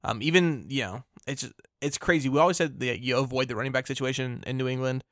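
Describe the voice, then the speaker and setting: A man's voice: medium pitch, fast talker, fairly bright tone, dry recording, studio quality. A man co-hosting a fantasy football podcast, thinking aloud with restarts and filler words. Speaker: podcast co-host. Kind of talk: casual fantasy football chat.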